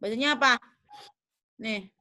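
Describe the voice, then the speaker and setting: A woman's voice: fairly high pitch, unhurried, sharp tone. A young woman teaching a class. She explains patiently, corrects herself aloud and keeps asking whether the students understand. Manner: patient, checks understanding often; thinks aloud with fillers and self-corrections. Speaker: English teacher.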